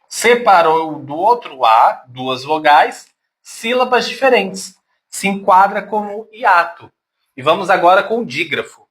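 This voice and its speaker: High, lively male teacher. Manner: patient, breaks words into syllables aloud; addresses pupils affectionately. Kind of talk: classroom grammar lesson.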